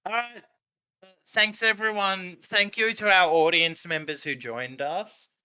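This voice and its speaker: A man's voice: high voice, steady tone, unhurried, sharp tone, clean tone, rough recording. An Australian man hosting a casual podcast chat, rambling and hesitant, swearing freely. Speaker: podcast host.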